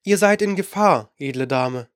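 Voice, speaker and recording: A man's voice: on the high side, lively intonation, moderate pace, no room sound, studio quality, natural voice. A man reading an audiobook, voicing a reserved young male magician who speaks in a skeptical, guarded way. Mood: wary. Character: wary, reserved young male shadow dancer.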